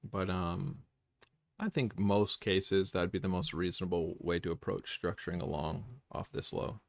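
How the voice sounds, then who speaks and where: A man with a low, gravelly voice hosts a trading livestream, thinking aloud over his charts. He rambles, circles back and fills pauses with ums. The sound is close and dry, with no room around it. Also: fairly even intonation, no room sound. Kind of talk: casual livestream chart commentary.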